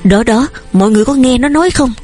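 A woman with a breathy voice reading the lines of a stern old farmer father who shouts and scolds in an audiobook. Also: on the high side, fast, soft background music, pitched above the performer's own voice, natural voice. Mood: angry.

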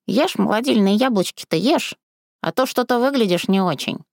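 A woman's voice: medium pitch, animated, normal speed, gravelly, darkish tone, no room sound, clean studio sound, pitched above the performer's own voice. A woman reading a storybook and voicing a crafty, rude old village woman who flips between sugary coaxing and coarse scolding. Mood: coaxing, bossy. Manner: sing-song sugary then snapping, coarse.

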